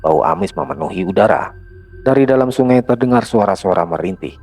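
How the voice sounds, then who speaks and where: A man narrating a horror story in a dramatic, hushed storytelling manner. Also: lowish voice, expressive, a little fast.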